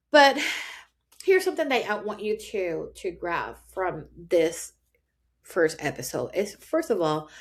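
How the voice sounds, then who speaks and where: A woman from Puerto Rico with a Puerto Rican accent and Spanish as her first language hosts a motivational podcast. In a fairly low voice, she speaks directly to her listeners in an earnest, encouraging way.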